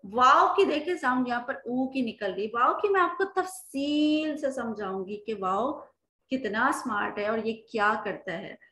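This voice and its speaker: A woman with a Pakistani Urdu accent teaching children the alphabet, drawing out words slowly and asking them questions. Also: a little high, animated, bright, forceful tone, roomy sound, poor audio. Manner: slow, drawn-out sounding of words; asks rhetorical questions to children.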